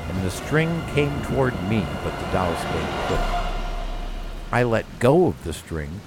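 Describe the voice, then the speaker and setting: A man with a very low voice narrates a spooky story, measured and suspenseful. Eerie music and falling rain play underneath, and thunder now and then. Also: very animated.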